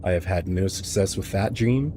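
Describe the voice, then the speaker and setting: Talking through a headset at home, this low-pitched young man from the United States streams a game and tells loose, lively stories to his chat in his native English. He speaks at a normal speed, and there's a bit of background noise.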